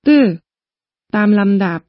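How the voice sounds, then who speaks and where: A woman's voice: fast, dry recording, dull audio. A woman teaching pronunciation in a polite, patient, step-by-step manner, reading a scripted lesson. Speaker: language teacher. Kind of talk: scripted instructional narration.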